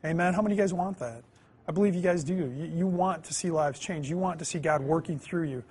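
A man in his thirties teaching a Bible class in a classroom, earnest, asking the students questions and swinging between loud emphasis and quiet asides. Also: on the high side, fast, slightly rough. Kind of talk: classroom lecture. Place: classroom, indoors.

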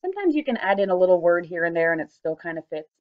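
A woman's voice: on the low side, big pitch swings, quick pace, phone-quality sound. A woman giving a casual online poetry lesson, chatty and informal with frequent fillers. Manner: chatty and informal, with many ums and likes. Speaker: teacher.

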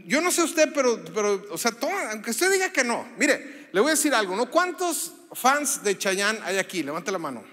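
A man's voice: high-pitched, very animated, normal speed, few pauses, bright, forceful tone. A man, a pastor giving a chatty, story-filled sermon with lots of fillers and asides to the audience in a church auditorium. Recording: long hall reverb.

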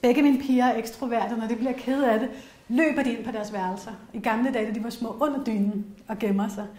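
A woman's voice: fairly high pitch, fairly even intonation, a little mellow. A middle-aged woman with a Danish accent giving a casual workshop talk to a small group, chatty and candid, with frequent fillers and personal anecdotes. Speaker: workshop presenter on essential oils. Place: workshop room with an audience. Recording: roomy echoey workshop room.

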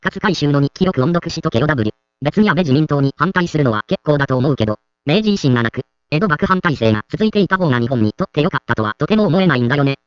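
A man reads short online comments aloud at a brisk clip, moving straight from one post to the next. His voice is a little high for a man and comes across smooth and crisp. The track is dry and slightly dull, like a lo-fi voice-over. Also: no echo.

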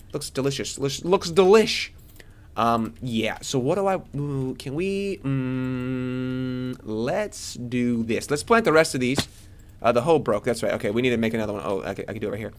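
Excitable young man narrating his gameplay. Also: normal speed. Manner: excitable, jumps to high squeals; chatty, talks to game characters. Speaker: let's play gamer. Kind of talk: casual gameplay commentary.

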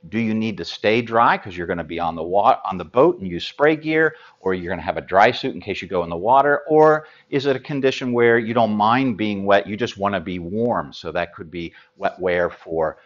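An American man in his fifties, speaking with a fairly low pitch, presents gear as an expert, explaining it to camera in an informal, halting way. The sound is lo-fi.

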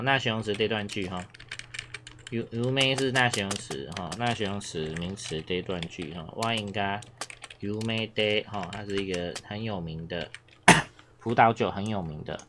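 A man teaches a relaxed Japanese lesson, talking in a low voice. He rambles, repeats his points, fills gaps with little sounds and coughs from time to time. Steady noise and keyboard clicks run under his voice. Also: normal speed. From Taiwan. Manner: chatty, repeats himself, many filler sounds. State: coughing now and then. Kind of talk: casual language lesson.

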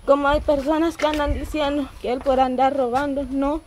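A woman's voice: high-pitched, level tone, normal speed, a little mellow, a little hiss or hum. A young woman, talking earnestly and tearfully outdoors, thanking God and describing her hardship. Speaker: recipient of donation. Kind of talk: emotional outdoor testimony. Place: rural dirt yard outdoors.

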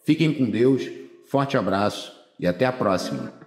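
A man's voice: on the low side, sing-song, normal speed, reverberant, over music. A Brazilian man giving a casual grammar lesson for exam prep, chatty and informal, drawing out words as he goes. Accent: Brazilian Portuguese.

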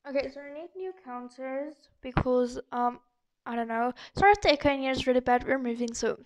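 A young girl with a sore throat chats and rambles brisk and high-voiced as host of her gaming video. It's a voice-over done in an echoey room at home, with a little hiss or hum in the background.

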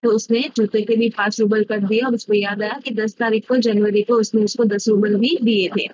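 A woman's voice: medium pitch, little pitch movement, normal speed, a little mellow, no echo. A woman teacher reading a story aloud and then retelling each line in casual speech. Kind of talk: reading and explaining a story lesson. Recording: slightly dull lo-fi recording.

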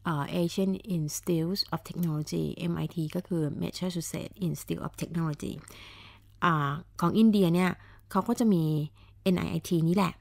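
Woman radio host, low-pitched, chatty, animated, dry studio sound. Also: slow, gravelly, dry recording. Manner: chatty, animated, many fillers and asides. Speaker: radio talk show host. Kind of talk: casual explanatory radio talk.

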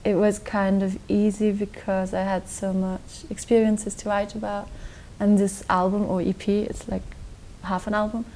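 A young woman from Austria answering interview questions in a relaxed, rambling way, full of likes and restarts, recorded in a dark studio. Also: medium pitch, normal speed, few pauses, a little hiss or hum, low-quality recording. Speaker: guest musician. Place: dark television studio set.

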